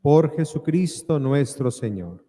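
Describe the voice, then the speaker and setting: A male priest speaks solemn liturgical words in a mellow voice. His phrases come slowly, set apart by deliberate pauses. Each one rings out in a long cathedral-like echo. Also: a little high, expressive. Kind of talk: solemn liturgical prayer and preaching. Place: large reverberant church.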